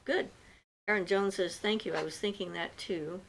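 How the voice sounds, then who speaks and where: A woman's voice: medium pitch, fairly even intonation, moderate pace, vocal fry, a little hiss or hum, low-quality recording. A woman hosting a livestream, reading out viewers' questions and answering them in a loose, chatty way with many fillers. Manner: reads viewer comments aloud, then answers at length with fillers. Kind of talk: casual livestream chat.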